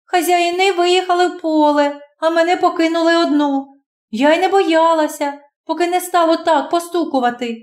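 A woman's voice: extremely high pitch, steady tone, moderate pace, voice pushed up. A woman voicing a frightened, trembling village girl who pleads breathlessly. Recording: roomy echo.

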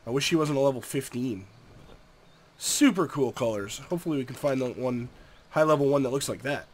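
Stuffy and nasal from a cold, a young gameplay commentator keeps up relaxed, chatty talk over a game and even addresses the on-screen creatures. His pitch is medium and his pace a little fast.

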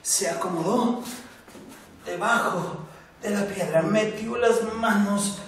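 A man telling a story to children in a slow, expressive way. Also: sits high, slight background noise. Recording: echoey room, far from mic.

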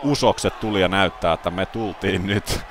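A man giving excitable play-by-play commentary over a wrestling video game, bursting into loud exclamations. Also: low-pitched.

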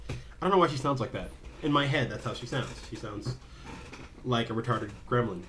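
A man's voice: medium pitch, fairly quick, sharp tone, slight background noise. Rambling young man vlogging casually. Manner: rambling, self-interrupting, jokey. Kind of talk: casual direct-to-camera vlog.

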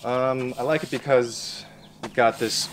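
A young man, a first-year farmer, talking casually in his backyard garden while being interviewed, pausing often with fillers as he thinks. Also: medium pitch, slight background noise. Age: young adult. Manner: relaxed, thinking aloud with many fillers. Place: backyard vegetable garden outdoors.

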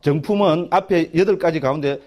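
A man's voice: fairly high pitch, brisk, darkish tone. A middle-aged man with a Gyeongsang Korean accent, a monk giving a chatty class lecture on a Buddhist text, constantly asking the class "right?" and restarting his sentences.

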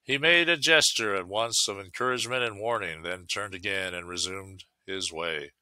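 A man reads a classic tale aloud in a measured, solemn manner. His voice sits low but has a bright, forceful ring. The sound is dry and close, with no room echo. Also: smooth. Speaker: storyteller. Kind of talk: reading a classic story aloud.

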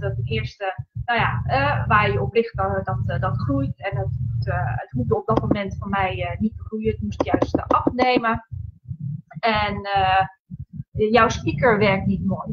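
A woman hosting a casual live stream from home, her voice pitched a little high. She talks haltingly, stopping and restarting with lots of fillers. The sound is dull and lo-fi, picked up by a laptop mic. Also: background noise. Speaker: livestream host, coach.

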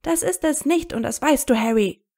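A woman's voice: sits high, lively intonation, moderate pace, dark tone, voice pushed up. A woman voicing a clever, insistent teenage girl in a story reading. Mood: angry. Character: angry teenage girl, know-it-all.

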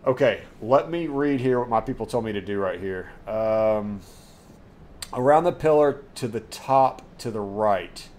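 A man's voice: lowish voice, lively intonation, a little slow, darkish tone. A man streaming a game live from his desk at home. He talks straight to his chat, gets worked up easily and swears. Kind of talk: live gameplay commentary chatting with viewers.

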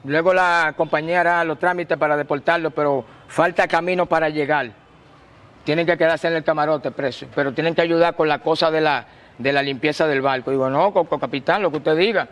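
A man, a guest telling his story in an animated, slangy way and acting out the quotes. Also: fairly high pitch, a little fast. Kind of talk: casual storytelling.

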